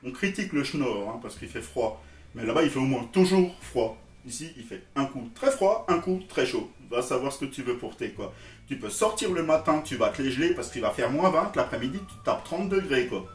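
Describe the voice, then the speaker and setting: A man's voice: mid-range voice, very animated, fairly quick, echoey room, distant mic. A man from Alsace with an Alsatian French accent, giving a jokey, teasing comic monologue straight to his viewers. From Alsace, France. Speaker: vlogger.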